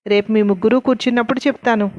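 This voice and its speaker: A woman's voice: on the high side, steady tone, rapid-fire, a little mellow, dry recording, close to an everyday voice. Woman doing an evasive, soothing husband, storybook reading, dull dry sound. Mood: calm. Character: middle-aged husband, calm, secretive.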